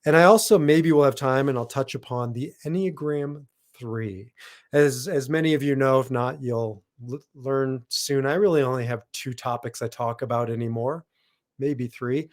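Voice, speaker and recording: A man's voice: mid-range voice, normal speed. A middle-aged man hosting a solo podcast as a logotherapist, talking casually and correcting himself with asides as he goes. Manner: rambling, self-correcting, with asides.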